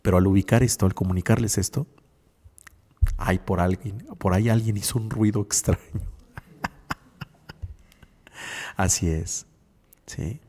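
A man's voice: fairly low pitch, steady tone, brisk, mellow, long reverb tail. A male radio host and psychologist, giving reflective spiritual talk and often checking in with his listeners. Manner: reflective, keeps asking "sí?".

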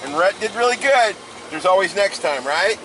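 High-voiced, enthusiastic man on a boat. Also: animated, moderate pace, noisy background. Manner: enthusiastic, folksy, encouraging. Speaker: channel host. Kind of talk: casual vlog, coaching and promo talk. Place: outdoors on a boat on a lake.

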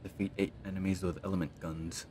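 Low-voiced young man gaming casually. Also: flat delivery, quick pace, mellow, slight background noise. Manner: rambling, thinking aloud. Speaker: gaming commentator. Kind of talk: casual gameplay commentary.

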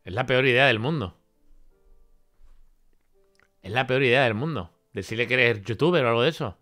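Bright-voiced man reacting in disbelief. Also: medium pitch. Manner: incredulous, repeats his points for emphasis. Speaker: host reacting to a clip. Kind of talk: reaction commentary.

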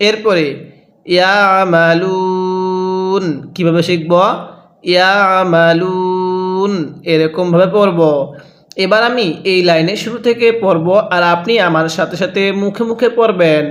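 A man with a Bangladeshi accent teaching Quran recitation step by step. He breaks words into pieces, chants them slowly and drawn out, and asks listeners to repeat after him. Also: sits high.

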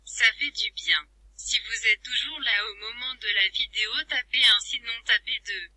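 A synthetic text-to-speech woman voice playing a cheeky translator app that taunts the viewers in a flat, computerized delivery. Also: fairly high pitch, normal speed, slightly rough, no echo, heavily acted. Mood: mocking. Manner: teasing, insults viewers as losers. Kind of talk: computer-voiced vlog bit.

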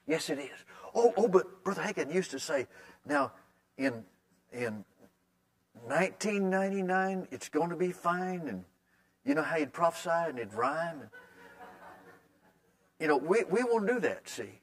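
A man's voice: on the high side, lively intonation, a little slow, long pauses. Middle-aged preacher guy, folksy and conversational, keeps repeating words for emphasis. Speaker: pastor. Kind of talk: sermon.

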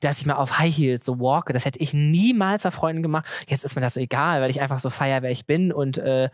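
A man chatting casually as an interview guest, telling animated stories full of filler words and re-enacted dialogue. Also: mid-range voice, brisk, dry recording, clean studio sound. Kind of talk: casual chat, storytelling.

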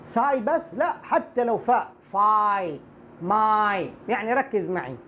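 A man teaching English pronunciation, saying each word slowly and more than once and speaking straight to the viewer. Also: very high voice, big pitch swings, dull audio, slight background noise. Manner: drills words slowly and repeats them, talking straight to the viewer. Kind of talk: pronunciation lesson for Arabic speakers.

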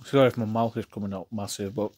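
A man's voice: lowish voice, fairly even intonation, fast, darkish tone, breathy edge, no echo. Give me a man talking with his mouth full. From England. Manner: rambling, repeats himself, enthusiastic about food. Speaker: food reviewer. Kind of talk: casual food review vlog.

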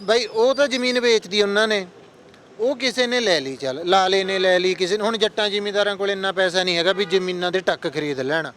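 A man's voice: high voice, fast, a bit bright, a little hiss or hum. A young man with a Punjabi accent chatting earnestly outdoors, explaining his views to an interviewer. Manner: earnest, explanatory, addresses friends as brother. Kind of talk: casual street chat. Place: outdoors on a street.

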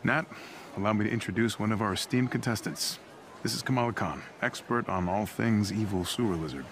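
An actor with an American accent playing a kind, steady soldier superhero in a video game, measured and reassuring. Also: male voice, lowish voice, noisy background, close to an everyday voice. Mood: composed. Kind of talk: cinematic video game acting.

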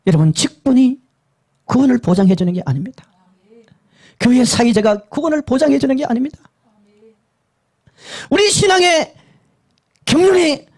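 A male pastor preaching a sermon that recounts a vision, emphatic and repetitive, dropping to hushed lows and rising to urgent highs. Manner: emphatic and repetitive, swinging between low hushed and high urgent tones.

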